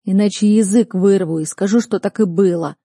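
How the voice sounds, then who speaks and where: A woman's voice: mid-range voice, moderate pace, mellow, husky, dry recording, clean studio sound. A woman reading an audiobook, voicing a stern, furious male academy rector who barks and scolds. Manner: barking, scolding.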